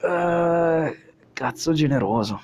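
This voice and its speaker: A man's voice: on the high side, animated, takes it slowly, a little mellow. A young man being interviewed, chatting casually and bluntly in slang with plenty of swearing. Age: young adult. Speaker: podcast interview guest.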